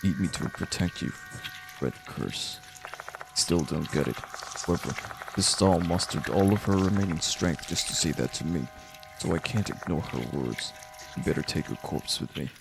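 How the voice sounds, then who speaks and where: A man's voice: low voice, animated, normal speed, gravelly, music in the background, rough recording. A man reading game narration aloud dramatically, acting it out and now and then stumbling over a word. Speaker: game streamer.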